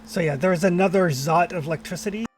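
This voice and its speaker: A man's voice: high voice, fast talker, soft background music. A man narrating and refereeing a tabletop roleplaying game as game master.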